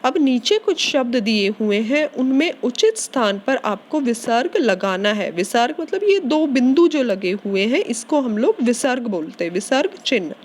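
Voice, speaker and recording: A woman's voice: on the high side, sing-song, normal speed, few pauses. A woman teacher giving a patient grammar lesson to schoolchildren, repeating words and checking in often.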